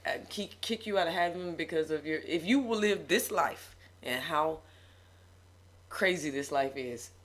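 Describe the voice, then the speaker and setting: Animated woman preaching in casual chat. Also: low-pitched, unhurried. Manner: animated, preachy emphasis, laughs often. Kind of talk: casual faith talk.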